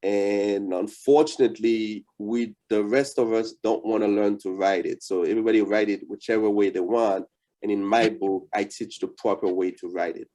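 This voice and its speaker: Mellow, low-voiced Haitian-accented man teaching. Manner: patient, repeats key points while explaining. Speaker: Creole language teacher and author. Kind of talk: online beginner language lesson.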